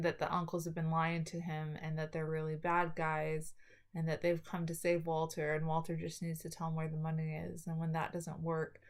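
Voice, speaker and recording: A woman talking with new dental braces, giving a halting spoken summary as a student presenter, often correcting herself. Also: low voice. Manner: halting, with self-corrections and trailing restarts. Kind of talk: spoken film summary for a class video.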